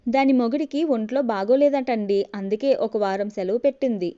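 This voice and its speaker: A woman's voice: a little high, fairly quick, mellow, natural voice. A woman storyteller voicing a naive, melodramatic young wife who talks sharply and theatrically. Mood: irritated. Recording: dull lo-fi recording.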